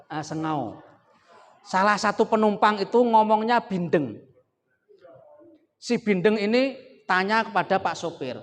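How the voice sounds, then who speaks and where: A man with a high, animated voice and a Javanese accent, an Islamic preacher, gives a sermon built around a comic story, speaking a little slowly with long pauses. He repeats key words for emphasis and jokes with the audience, in an echoey hall with faint noise.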